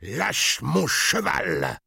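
A man's voice: fairly high pitch, huge pitch swings, extremely slow, gravelly, sharp tone, husky, no echo, studio quality, pitched above the performer's own voice, full character voice. A man voicing an arrogant young lord on horseback, sneering and commanding. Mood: threatening.

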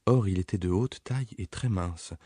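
Low-voiced male audiobook narrator. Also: husky, no room sound, clean studio sound. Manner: calm, measured storytelling. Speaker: audiobook reader. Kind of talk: scripted narration.

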